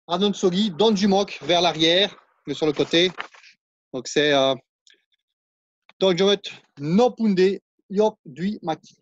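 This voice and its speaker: A man's voice: sits high, no echo, muffled recording. French man instructing a martial arts class. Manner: demonstrating while counting and explaining moves. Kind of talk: live online class instruction.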